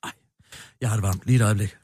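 A man co-hosting a comedy show, rambling about politics in a mock-pompous, animated way. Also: on the low side, husky, no room sound, clean studio sound. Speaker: satirical co-host.

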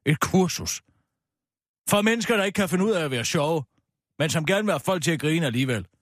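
Guy doing a sour cursing old-ish lady grump, radio sketch, high voice swinging all over, dry sound. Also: animated, no echo. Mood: indignant. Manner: scornful, ranting, swears a lot. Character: grumpy pessimistic middle-aged woman, cursing skeptic. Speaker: comic radio character. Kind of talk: scripted radio comedy sketch.

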